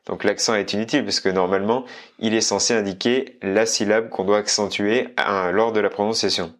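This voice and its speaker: The voice is lowish and steady, and the pace is brisk. A man teaching Spanish on his channel chats with the viewer in a casual lesson, moving between French explanations and Spanish phrases.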